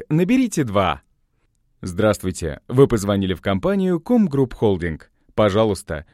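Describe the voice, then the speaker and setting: A man reading recorded phone menu announcements in a slow, formal, evenly spaced way. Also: medium pitch, no room sound, clean studio sound. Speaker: voice-over announcer.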